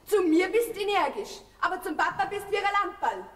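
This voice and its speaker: An actress with a Bavarian accent playing a cheeky, rebellious grown daughter in a folk theater comedy. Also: female voice, very high-pitched, lively intonation, fairly quick, a bit bright. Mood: pert. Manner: pert, egging on. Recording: stage recording in a hall.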